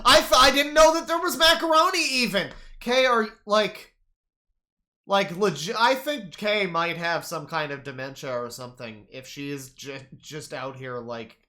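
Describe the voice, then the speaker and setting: A man streaming profane reaction commentary on a cooking video, jumping from loud outbursts to mumbled asides and stammering as he riffs. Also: on the high side, moderate pace, few pauses. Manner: stammers and restarts while riffing.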